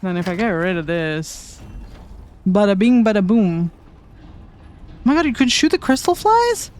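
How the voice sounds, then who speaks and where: A woman streaming a game playthrough, reacting excitedly, giggling and talking to her viewers. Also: mid-range voice, unhurried.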